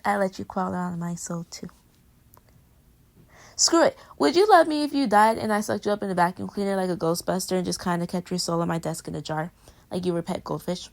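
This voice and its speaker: Speaking fairly quickly in a lowish voice with vocal fry, a woman takes on the role of a clingy, playful young girlfriend in a pillow-talk roleplay audio. She teases fondly, rambling through murmurs and exclamations, and sounds animated and mock-indignant.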